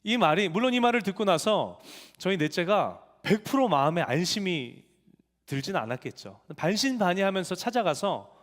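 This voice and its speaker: A man's voice: sits high, big pitch swings, moderate pace. A male pastor preaching a sermon in a church sanctuary, telling family stories in a conversational way. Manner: conversational storytelling with family anecdotes. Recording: long church hall reverb.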